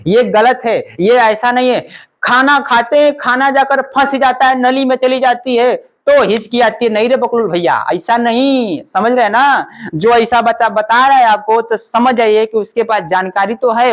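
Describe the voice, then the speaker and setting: A male teacher explains a lesson over a diagram, asking questions and answering them himself with much repetition. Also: sits high.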